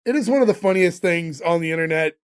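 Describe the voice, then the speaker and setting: A man with a fairly high-pitched voice talks on a podcast in a relaxed, rambling way. He recaps a show with a loose, conversational flow and plenty of fillers, like a friend catching you up. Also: fast talker, smooth. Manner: chatty, loose retelling with fillers. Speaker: podcast co-host. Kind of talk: casual chat recapping a sitcom episode.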